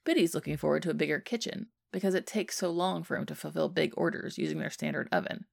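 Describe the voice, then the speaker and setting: A woman reading a fan fiction story aloud as narration in a steady, even way. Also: low voice, fast, vocal fry, no room sound, studio quality. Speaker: podfic reader.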